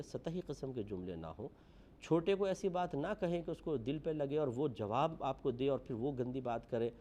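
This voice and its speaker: Male preacher, dark mellow tone, earnest moral lecture, faint hiss behind. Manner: earnest, moralizing, rises for emphasis then drops low. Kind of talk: religious lecture.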